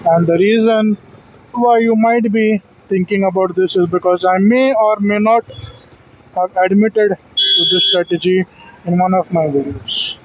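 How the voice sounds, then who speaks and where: A man with a high voice talks slowly through a rambling solo vlog, stumbling over his words and correcting himself as he goes. He sounds tired and keeps making self-deprecating asides. A faint hum sits under the recording. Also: rough recording. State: yawning, tired. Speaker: vlogger.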